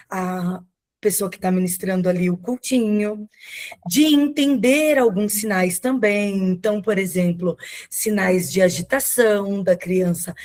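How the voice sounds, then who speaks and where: A woman speaks over a video call in a patient, explanatory way, guiding listeners through her points. Her pitch sits in a typical middle range. She often pauses to check in with her audience. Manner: slow, explanatory, many "né?" tags. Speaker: guest speaker on children's ministry. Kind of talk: online lecture.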